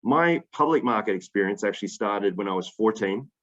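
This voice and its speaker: An Australian man talks to a group of students over a video call. His voice sits fairly low and comes through a dull, lo-fi line. He speaks with emphatic energy, with many fillers and restarts. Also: expressive, brisk, a bit bright. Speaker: investor guest speaker.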